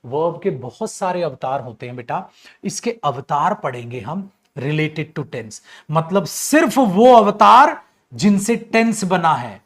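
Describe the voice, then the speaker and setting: A man teaching English grammar in an online class. He speaks in a fairly high voice, lively and playful, teasing his students as he explains. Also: slow. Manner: lively, jokey, addresses students as beta, acts out student voices.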